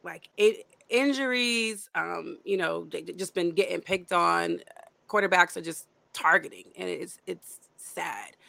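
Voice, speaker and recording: A woman's voice: fairly low pitch, unhurried, creaky, bright, forceful tone, no room sound. A woman hosting a casual sports podcast, chatty and upbeat with lots of fillers. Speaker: podcast host.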